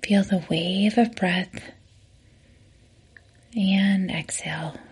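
A woman guiding a slow breathing exercise, cueing inhales and exhales in a hushed voice that often drops to a breathy near-whisper. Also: medium pitch, fairly even intonation. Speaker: podcast host and breathing coach.

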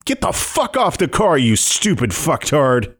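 A man putting on a furious passenger in an audiobook thriller, his voice jumping high as he hurls abuse. He rants without restraint, pitched well above the narrator's own low tone. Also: huge pitch swings, a little slow, breathy edge, exaggerated voice. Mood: enraged. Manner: shouting abuse through gritted teeth. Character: angry male passenger, foul-mouthed ranter.

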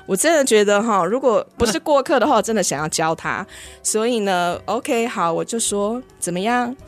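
一位四十多岁的台湾口音女士，在播客里以生动的方式讲述教学故事，常常笑。. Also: female voice, medium pitch, normal speed, faint music behind. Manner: lively, laughs often while telling stories. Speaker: guest, kindergarten English teacher. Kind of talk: podcast storytelling.

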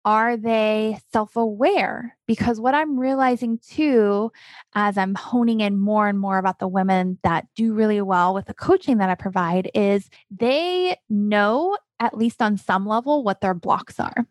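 A woman's voice: medium pitch, measured pace, dry recording. A woman, a coach hosting her own podcast, talking casually and emphatically, firing off rhetorical questions. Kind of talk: casual solo podcast talk.

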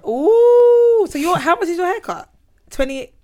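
A woman's voice: extremely high pitch, sing-song, unhurried, mellow. A young woman with a London accent chatting casually and slangily as a podcast co-host. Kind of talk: casual chat.

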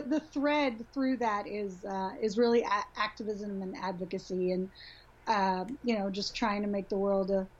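A middle-aged woman from Honduras, a guest on a podcast, talking reflectively over a video call, often restarting and softly laughing. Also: fairly high pitch. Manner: warm-hearted, reflective, with frequent restarts and soft laughs. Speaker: guest, sexuality educator. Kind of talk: casual interview talk. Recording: dull lo-fi video call audio.

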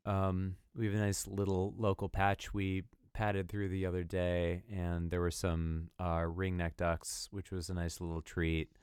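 Man, low voice, smooth, dry sound, easygoing podcast talk. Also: level tone, a little slow, few pauses, a little mellow, dry recording. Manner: easygoing, hesitant with fillers. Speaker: podcast co-host. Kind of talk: casual chat.

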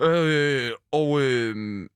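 A man co-hosting a satirical comedy podcast in a studio, with provocative deadpan one-liners. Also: medium pitch, clear, resonant tone, no echo. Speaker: podcast co-host.

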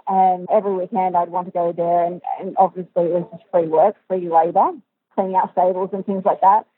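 A woman answering interview questions in a measured, thoughtful way, heard over poor, phone-like audio. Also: lowish voice. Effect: poor quality, phone-like audio. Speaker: interview guest, dressage coach and physiotherapist. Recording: muffled tinny dry phone line.

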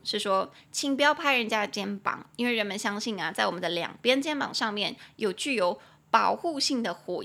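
A woman with a Taiwanese Mandarin accent hosts a bilingual English lesson podcast. She talks in a lively, giggly way and reads the English example lines slowly. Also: medium pitch, creaky.

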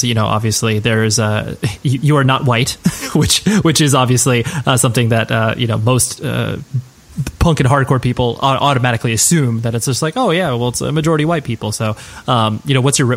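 A man's voice: medium pitch, fairly quick. A man hosting a casual podcast interview, asking questions in a chatty, rambling way and affirming often with "right, right".

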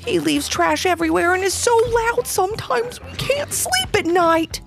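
A fed-up little porcupine complains in a very high voice , as a woman puts it on. Soft music plays behind the storybook reading. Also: animated, normal speed, gravelly, exaggerated voice.

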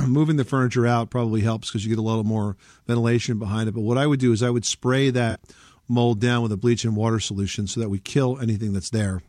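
A man's voice: medium pitch, fairly even intonation, fast talker, a little mellow, dry recording. Male radio advice host, close dry sound. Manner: explanatory, instructive. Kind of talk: home improvement advice and upbeat show announcing.

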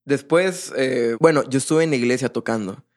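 A man's voice: mid-range voice, normal speed. A young man, a percussionist guest, telling his story in a casual, rambling way with many fillers and restarts.

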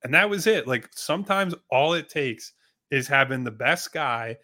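Bright, blunt man arguing sports. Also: mid-range voice, expressive, normal speed. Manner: blunt and emphatic, swears freely, lots of restarts. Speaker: sports podcast co-host. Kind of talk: casual sports debate.

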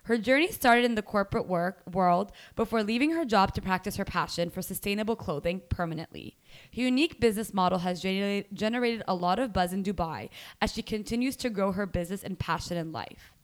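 A woman's voice: mid-range voice, a little fast. A woman hosting a podcast, chatting casually with a friend in a bubbly, slangy way and laughing often. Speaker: podcast host. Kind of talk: casual chat.

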